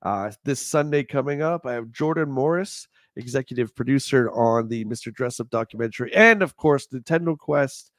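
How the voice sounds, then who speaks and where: A man's voice: medium pitch, normal speed, few pauses, no room sound, studio quality. A man with a stuffy, nasal voice hosting a casual live stream and chatting with his guests. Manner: upbeat, animated presenter. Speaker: livestream host. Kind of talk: casual chat.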